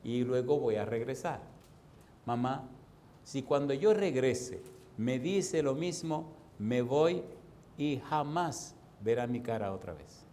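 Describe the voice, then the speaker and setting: A man with a Dominican accent preaching a sermon as a pastor, telling personal stories, bursting out loudly and then slowing down, laughing often as he speaks. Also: mid-range voice, lively intonation, a little hiss or hum. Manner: storytelling preacher, sudden loud outbursts and drawn-out slow phrases.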